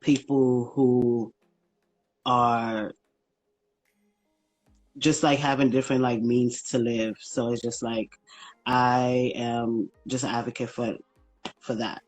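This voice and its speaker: A man from Brooklyn with a New York accent, a guest talking haltingly with many ums and likes in a casual livestream interview. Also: medium pitch, level tone, faint music behind, poor audio. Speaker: guest, small business founder. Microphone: phone livestream.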